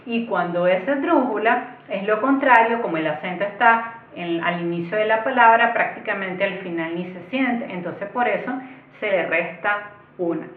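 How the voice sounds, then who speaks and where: A woman teaches an online lesson at normal speed, explaining step by step in a patient way and addressing her viewers directly. Her medium-pitched voice sounds tinny and phone-like, recorded in an echoey room.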